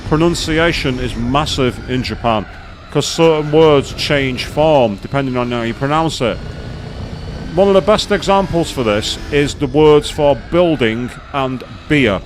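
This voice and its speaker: A man's voice: medium pitch, unhurried, a little hiss or hum. A man chatting casually on a live gaming stream, rambling with many fillers and restarts as he explains things to viewers.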